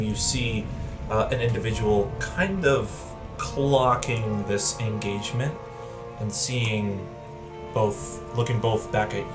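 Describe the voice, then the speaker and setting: A man working as game master, narrating an atmospheric tabletop story with measured, dramatic pauses. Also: lowish voice.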